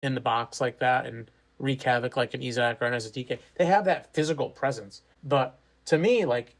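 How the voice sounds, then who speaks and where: Man, podcast co-host, mid pitch, opinionated and argumentative in casual banter. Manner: opinionated, argumentative, quick to take positions. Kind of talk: casual sports podcast chat.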